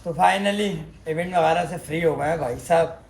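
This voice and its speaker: A young man vlogs his day to camera, pitched a little high for a man. He is chatty and playful, talking to his viewers like old friends. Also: moderate pace, darkish tone, slight background noise. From Pakistan. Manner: chatty, playful, addresses viewers as guys and brother. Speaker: family vlogger. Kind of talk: casual vlog narration to camera.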